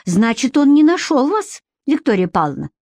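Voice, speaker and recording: A woman reading as a bossy female personal assistant who scolds and shouts when angry. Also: fairly high pitch, lively intonation, unhurried, no echo, studio quality. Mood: indignant.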